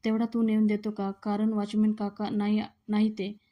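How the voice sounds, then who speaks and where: A woman's voice: mid-range voice, monotone, moderate pace, dull audio, close to an everyday voice. A woman reading the lines of a worried middle-aged mother who scolds her son, in a plain pleading tone. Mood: scolding.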